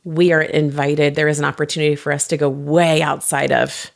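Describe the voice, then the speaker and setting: A female pastor in her forties, with a low, slightly gravelly voice, chats on a podcast as a lively storyteller. She tells stories animatedly, laughs quickly, and drops playful asides along the way.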